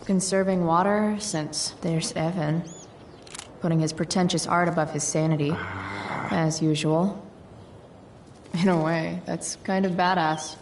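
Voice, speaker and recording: A woman's voice: lowish voice, fairly even intonation, a little slow, pauses often, a little hiss or hum. A woman playing a sardonic, rebellious teenage girl in a video game, sarcastic and slangy. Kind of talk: game dialogue acting.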